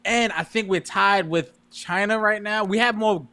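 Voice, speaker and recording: Laid-back young man, slightly high voice. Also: normal speed, sharp tone. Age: young adult. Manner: laid-back, agreeable, says "like" a lot. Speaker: podcast co-host, son. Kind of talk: casual chat.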